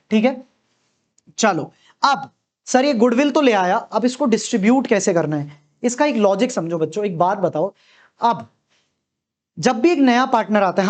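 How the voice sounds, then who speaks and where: In a classroom lecture on accountancy, a man with a very high, slightly mellow voice poses questions and answers them as his students would. He keeps checking understanding with a frequent, reassuring "okay."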